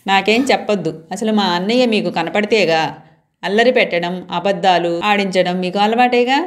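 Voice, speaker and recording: Woman reading a romance story aloud. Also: mid-range voice. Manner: voices the dialogue of both lovers in her own voice.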